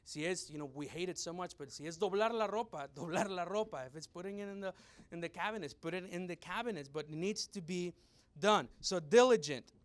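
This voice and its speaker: Animated bilingual young man preaching. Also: high-pitched, a little fast. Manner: switches between English and Spanish, animated mimicry of loud women. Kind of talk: bilingual church teaching, storytelling.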